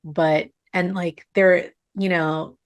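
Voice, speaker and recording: A woman game master narrating a tabletop game, describing things in halting, filler-filled speech. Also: fairly low pitch, steady tone.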